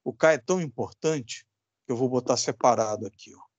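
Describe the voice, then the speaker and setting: In a recorded classroom lesson, a man with a Brazilian Portuguese accent teaches electronics, speaking emphatically and repetitively and throwing rhetorical questions at his students. His mid-range voice moves fairly quickly, and the recording is dry and lo-fi.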